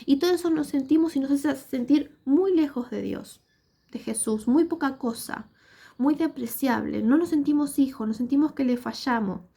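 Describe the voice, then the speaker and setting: A woman's voice: sits high, normal speed, gravelly, warm tone. A woman with a Rioplatense Spanish accent preaching a sermon in earnest, repetitive, emphatic phrases.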